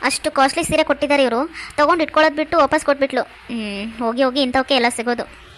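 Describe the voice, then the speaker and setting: A woman voicing a sharp-tongued, jealous older woman relative in a cartoon, grumbling and scornful. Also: sits high, steady tone, fast talker, low-quality recording. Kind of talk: cartoon voice acting.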